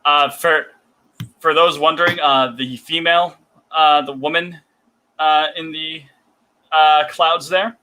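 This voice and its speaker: A man's voice: a little high, steady tone, takes it slowly, pauses often, bright, forceful tone, low-quality recording. A man co-hosting a podcast in casual banter, wry and teasing, laughing at his own jokes. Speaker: podcast co-host.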